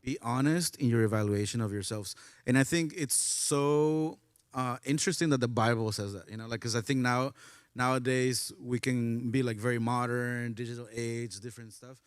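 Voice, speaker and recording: A man's voice: medium pitch, fairly even intonation, normal speed, clean tone, no room sound, studio quality. A young man hosting a church panel talk, playful and rambling as he asks the others questions. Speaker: panel host. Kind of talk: casual panel chat.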